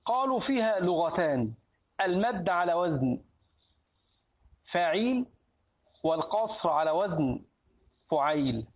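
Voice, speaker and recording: A sheikh teaching a hadith book gives a lesson on Islamic law in colloquial Egyptian Arabic, posing questions to his students and answering them himself. His husky voice sits high and sounds animated, a little slow with frequent pauses. The recording is tinny and lo-fi, like a phone.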